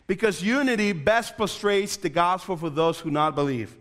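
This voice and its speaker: A young man gives a youth sermon in a large room. He talks straight to the listeners and repeats his lines for emphasis. His voice sits a little high, and long reverb from the hall trails after it. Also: lively intonation, moderate pace, fairly bright tone. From Dominican Republic. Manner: earnest, repetitive emphasis, addresses the room directly. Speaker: youth pastor.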